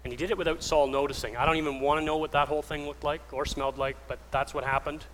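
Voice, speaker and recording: A man preaching a sermon, telling the story with lively acted-out voices, from soft whispers to raised passages. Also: fairly high pitch, fast. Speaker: pastor. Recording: reverberant hall with faint ambient noise.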